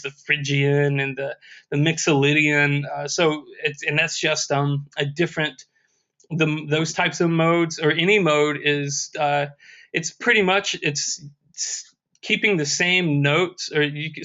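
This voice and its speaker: A man lecturing on music history in a somewhat high voice. He stops and restarts often, with many fillers, and scats rhythms to demonstrate them. The lo-fi recording sounds dull. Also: bright, forceful tone.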